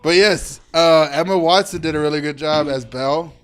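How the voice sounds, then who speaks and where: A man's voice: fairly high pitch, moderate pace, very noisy. A man co-hosting a podcast, chatting casually and joking with friends. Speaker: podcast co-host. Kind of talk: casual banter.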